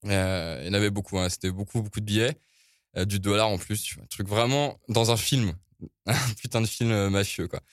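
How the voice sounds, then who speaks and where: Low-voiced man telling a slangy story. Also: fairly even intonation, a little fast, no echo, clean studio sound. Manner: slangy, conversational, frequent hesitations. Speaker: event organizer. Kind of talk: casual storytelling.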